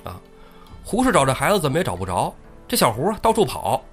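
A man tells an old tale in a chatty podcast style, checking in with his co-host as he goes. His delivery is fast and his pitch swings widely. Faint music plays underneath. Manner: animated, chatty, asks listener for agreement. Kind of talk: casual storytelling.

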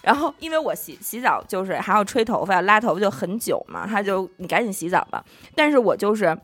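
A woman co-hosting a podcast, telling stories in casual chat, animated and laughing often as she acts out quotes. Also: mid-range voice, brisk, faint music behind. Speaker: podcast co-host.

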